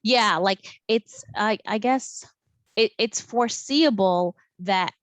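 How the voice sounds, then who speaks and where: A woman's voice: mid-range voice, takes it slowly, no echo. Chatty woman professor, dry sound. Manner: lively, chatty, repeats words. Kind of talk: college lecture over video call. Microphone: video call.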